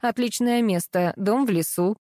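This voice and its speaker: A woman's voice: mid-range voice, normal speed, no echo, studio quality, natural voice. A woman voicing a domineering, scolding middle-aged mother-in-law in an audiobook reading. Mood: indignant. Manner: commanding, sharp, scolding.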